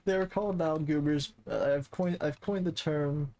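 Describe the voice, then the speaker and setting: A man's voice: a little high, a little mellow. Rambling man narrating his game. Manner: rambling, self-correcting, talks fast. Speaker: streamer. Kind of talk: casual gameplay commentary. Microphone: desk microphone.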